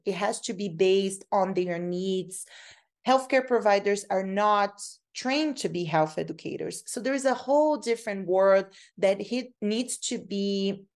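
A woman's voice: mid-range voice, a little mellow. A woman from Brazil with a Brazilian Portuguese accent, a native Portuguese speaker, answering interview questions as a researcher in an earnest, explanatory way. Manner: earnest and explanatory, repeats and restarts words. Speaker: guest researcher.

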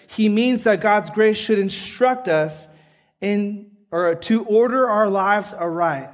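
Casting note: male preacher, high voice, slow measured delivery, earnest and pastoral, drops in "right?" asides. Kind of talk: sermon.

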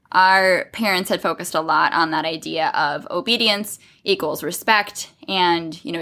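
A woman's voice: on the low side, fairly bright tone. A woman hosting a podcast, asking thoughtful questions in a chatty, affirming way. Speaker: podcast host. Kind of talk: interview questions, casual chat.

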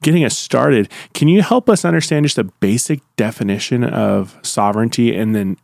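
A man hosting a church podcast in an informal chat, his voice gravelly as he gets over being sick. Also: mid-range voice, moderate pace, darkish tone, no echo, studio quality. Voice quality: gravelly from a recent illness. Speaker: podcast host. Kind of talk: casual conversational church podcast.

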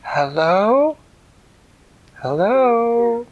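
A man voicing a polite, curious little girl with a high, eager voice. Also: moderate pace, creaky, a bit bright, breathy edge, highs cut off, full character voice. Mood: calling.

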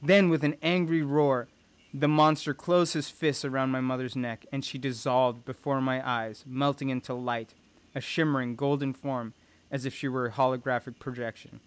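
A man's voice: medium pitch, fairly even intonation, normal speed, no echo. A man reading a first-person adventure story aloud with tense, dramatic delivery. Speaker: audiobook narrator. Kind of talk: first-person audiobook narration.

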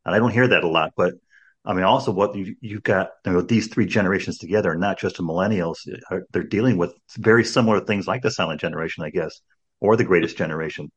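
A podcast host in his sixties chats casually, rambling with lots of restarts and "you know"s. His voice sits low with a breathy edge and a quick pace, and the audio sounds dull.

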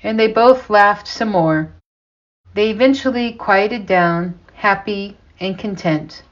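Woman, story narrator, slow pace, muffled lo-fi sound. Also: mid-range voice.

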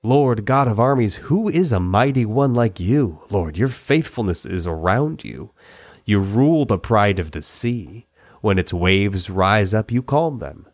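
A man reading scripture aloud, delivering the psalms as an expressive, dramatic reading that climbs higher on pleading passages. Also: measured pace, no echo. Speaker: Bible reader.

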